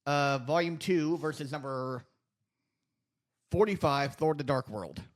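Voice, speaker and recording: A man hosting a casual film podcast, reading out matchups a bit haltingly before chatting loosely. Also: on the high side. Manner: reads titles aloud haltingly, then talks loosely.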